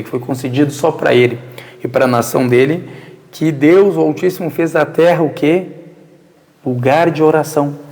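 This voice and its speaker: A man's voice: mid-range voice, a little mellow, big-room sound. A man from Brazil with a Brazilian Portuguese accent giving an informal religious lesson, answering listeners' questions and often posing rhetorical questions that he answers himself. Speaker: religious teacher. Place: mosque prayer hall.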